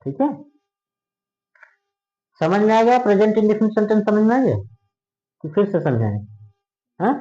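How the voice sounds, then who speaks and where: High-voiced teacher checking understanding. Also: male voice, sing-song, normal speed, long pauses, dark tone. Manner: checks often if students understand. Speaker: English grammar teacher. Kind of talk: classroom lesson. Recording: dull lo-fi sound.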